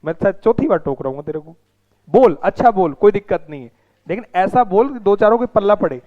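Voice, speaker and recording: A man's voice: high-pitched, lively intonation, brisk, phone-quality sound. A man teaching a class, mixing the lesson with teasing and scolding of his students. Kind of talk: classroom lecture with banter.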